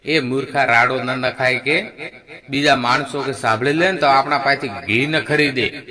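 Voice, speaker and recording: A man's voice: mid-range voice, crowd noise. A man telling folk jokes in a to a live audience, rattling off stories and acting out the characters. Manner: rapid storytelling with constant filler "ke", acting out characters in quotes. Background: laughing audience.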